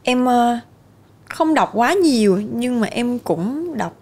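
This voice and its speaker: A woman's voice: fairly high pitch, lively intonation, takes it slowly, darkish tone. A young woman, a podcast guest talking candidly and laughing easily in casual chat.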